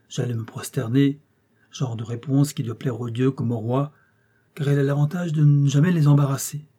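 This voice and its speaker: A man narrating an audiobook in a measured, wry storytelling manner. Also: medium pitch, dark tone, slightly rough. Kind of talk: scripted narration.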